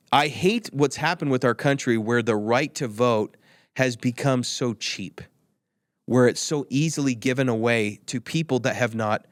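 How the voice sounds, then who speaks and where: A man guesting on an interview podcast, heard close and dry with no room sound. His pitch is average for a man. He argues in an emphatic, insistent way and circles back to the same points again and again. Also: dry recording. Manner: emphatic, repetitive, argumentative. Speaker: guest, tech company executive. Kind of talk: opinionated interview talk.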